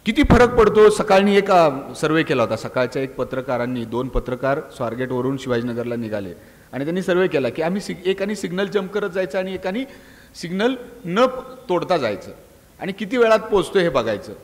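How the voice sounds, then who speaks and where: A middle-aged police inspector giving an animated speech to college students, firing rhetorical questions, scolding and urging them. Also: male voice, on the high side, a little fast. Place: college auditorium. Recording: long hall reverb.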